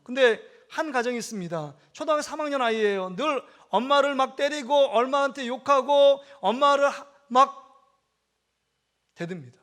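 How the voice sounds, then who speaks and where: A man's voice: very high voice, a bit bright. A man preaching a Sunday sermon as pastor, earnestly telling a story, acting out the voices and leading the congregation in reading aloud. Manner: earnest preaching, acts out quoted dialogue, leads congregation in reading. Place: church sanctuary.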